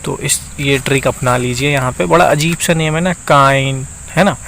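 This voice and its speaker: A man teaching a map lesson, speaking slowly and repeating himself, often checking in with the viewer. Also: mid-range voice, steady tone, gravelly, a bit bright, slight background noise, poor audio. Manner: slow, repeats itself and keeps checking in with the viewer.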